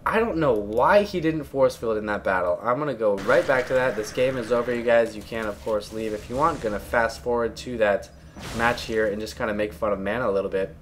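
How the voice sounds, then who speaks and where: A man at home giving blunt, chatty solo commentary on a strategy game, coughing and clearing his throat often. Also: mid-range voice, brisk, slight background noise.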